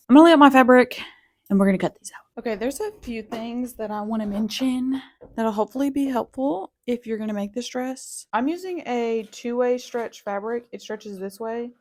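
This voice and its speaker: A woman's voice: on the high side, a little mellow. Young mom chatting thru a sewing tutorial, kinda casual, trips over her words and laughs it off. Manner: chatty, self-interrupting, laughs at herself. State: a little out of breath. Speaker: sewing channel host. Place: home sewing room.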